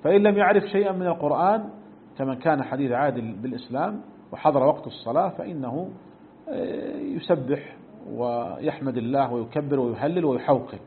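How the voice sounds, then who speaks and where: A middle-aged sheikh teaches a fiqh text in a recorded religious lesson, explaining points and demonstrating pronunciations as he goes. His voice is mid-range, and the tinny, phone-like recording carries a little hiss or hum.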